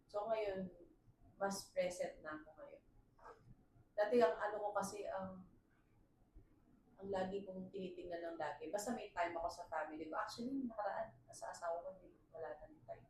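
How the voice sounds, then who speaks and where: Here a woman in her 30s, co-hosting a podcast, talks at normal speed in a mid-range voice with frequent pauses. Casual, animated and quick to laugh, she moves between Tagalog and English. She speaks loudly over a failing microphone, and the recording is distant and echoey with a faint hiss.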